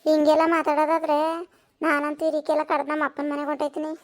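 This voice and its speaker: A woman's voice: high-pitched, monotone, fast, lightly acted. Woman playing a defiant young daughter-in-law. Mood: arguing. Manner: argumentative, talks back.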